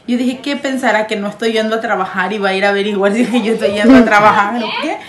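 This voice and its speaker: Animated storytelling woman, echoey room. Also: medium pitch, quick pace. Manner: acts out quoted lines, laughing often. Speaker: fiancée telling her story.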